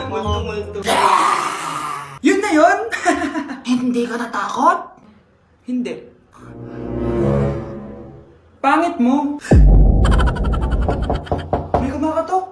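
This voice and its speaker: A woman acting out every part in short comedy skits, loud and animated as she switches between a mother and her child. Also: high voice, very slow, long pauses. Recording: roomy sound with music underneath.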